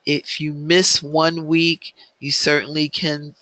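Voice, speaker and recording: A man teaching an online business planning class, speaking in a measured way with frequent filler ums. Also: on the high side, level tone, pushed and bright, dry recording.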